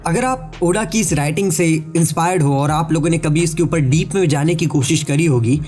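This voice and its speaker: This man has a high, slightly mellow voice, and his sore throat and stuffy nose come through as he narrates a casual anime-theory explainer. Chatting straight to his viewers and slipping in English words, he sounds like a YouTuber whose voice-over was recorded separately.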